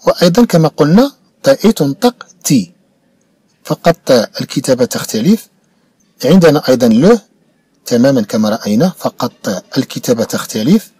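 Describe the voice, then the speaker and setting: A Moroccan man walks young pupils through a French lesson, repeating each word with patience. His pitch moves a lot, and his voice is mellow with a slight husk. The sound is close and dry, with no room around it. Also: sing-song, slightly rough, dry recording. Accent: Moroccan Arabic. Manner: patient, repeats words slowly for learners. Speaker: primary school French teacher. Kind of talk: explanatory lesson narration.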